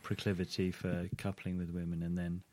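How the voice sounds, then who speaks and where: A man's voice: low-pitched, completely flat delivery, a little fast, darkish tone. A man co-hosting a podcast, picking apart a song in a thoughtful, analytical way and steering the chat back on topic. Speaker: podcast co-host. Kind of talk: casual music review chat.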